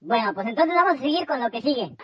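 A man's voice: very high voice, big pitch swings, fast talker. A Mexican man calling in over the phone, swearing and bossing the hosts around in mock anger. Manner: foul-mouthed, bossy, mock-angry. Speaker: caller. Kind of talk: crude joking banter. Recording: dull lo-fi phone call with music behind.

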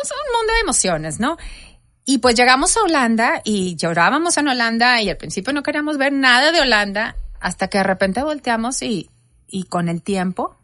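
A woman's voice: fairly high pitch, dry recording, clean studio sound. A woman, telling an interviewer the story of her own family. She tells it with energy and acts out the conversations she quotes. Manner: animated storytelling, acting out quoted dialogue.

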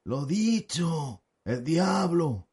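A slow, rustic old village elder in an audio drama. He drags out his words in a homely country dialect. His voice sits high for a man. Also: very animated, darkish tone, full character voice. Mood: folksy. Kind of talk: audiobook radio drama acting.

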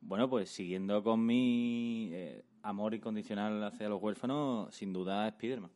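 A man co-hosts a casual comedy chat. He makes dry, deadpan remarks. His voice is low. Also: normal speed.

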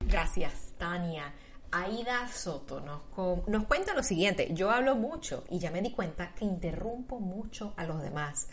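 Calm woman host reading out questions. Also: lowish voice, a little slow, a crowd in the background.

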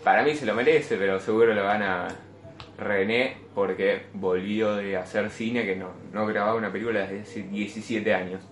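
Speaking at a moderate pace in a lowish voice, this Rioplatense-accented young man runs a laid-back movie podcast with his friends. His talk is blunt and full of swearing, picking up energy when he gets excited. The room echoes and carries a faint noise.

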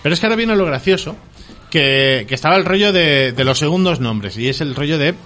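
A man's voice: fairly high pitch, fairly quick. A young man in casual podcast chat, telling school anecdotes and acting out the voices of people in them. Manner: lively storyteller, acts out quoted voices.

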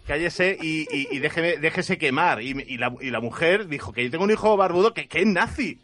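Brief: male improv player, a little high-pitched, rambling comic storyteller. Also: animated, a little fast, a bit bright. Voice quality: bearded. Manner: rambling, repeats words, laughs while telling.

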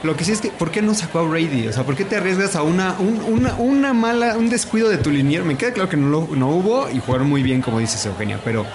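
A man's voice: on the high side, animated, fast, hardly any pauses. A Mexican man in a casual sports discussion, speaking colloquially and emphatically as one of the panelists. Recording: clearly noisy urban ambience behind voice.

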